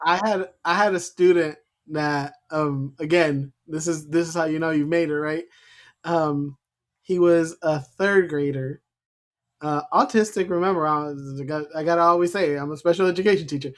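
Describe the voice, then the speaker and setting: A man's voice: fairly high pitch, fairly even intonation. A man co-hosting a podcast as a special education teacher, chatting casually and laughing often. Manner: laughs often, quick chatty delivery with restarts.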